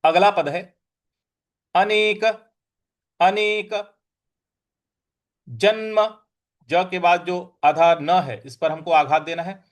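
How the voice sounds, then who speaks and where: A man teaching Sanskrit verse pronunciation, saying each word slowly and repeating it with careful stress. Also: a little high, steady tone. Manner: chants invocation verses in measured tones. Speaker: scripture recitation teacher.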